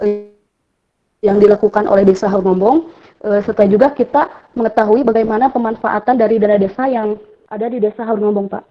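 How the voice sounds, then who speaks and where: A woman's voice: mid-range voice, a little fast, highs cut off. A young woman, a university student, asking her lecturer a question politely and hesitantly, with many fillers, over an online call whose audio breaks up and cuts out. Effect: online call audio breaking up and cutting out. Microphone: online video call.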